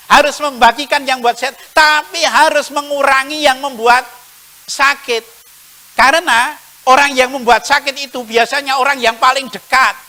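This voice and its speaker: Bright-voiced priest preaching. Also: male voice, extremely high pitch, rough recording. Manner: repetitive rhetorical lists, folksy humor. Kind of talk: sermon.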